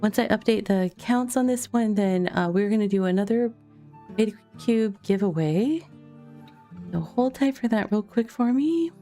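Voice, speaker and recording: A woman's voice: mid-range voice, expressive, normal speed, warm tone. A woman streaming a game from home, chatting casually to viewers with frequent laughs and loose fillers. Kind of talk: casual live-stream chat. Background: faint chill background music.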